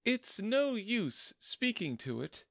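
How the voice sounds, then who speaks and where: A man's voice: sits high, very animated, slow, gravelly, fairly bright tone, no echo, clean studio sound, pitched above the performer's own voice, heavily acted. A man voicing a curious, fretful young girl in a storybook reading, with a prim, complaining tone. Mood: wondering.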